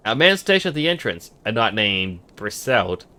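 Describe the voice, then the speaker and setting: A man voicing a courteous, formal knightly officer from a fantasy game, reading the dialogue aloud in a measured manner. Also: on the low side, big pitch swings, pushed and bright. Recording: music behind the voice.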